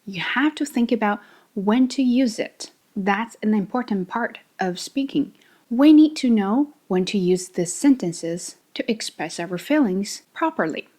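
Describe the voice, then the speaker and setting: A woman hosting a podcast English lesson. She coaches the listener directly and shows intonation with big swings in pitch and loudness. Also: animated, measured pace.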